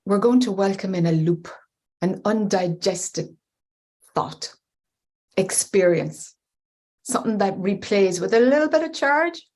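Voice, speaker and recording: An Irish woman, a spiritual teacher, leading a guided meditation in a slow, hesitant, soothing way. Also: medium pitch, animated, darkish tone.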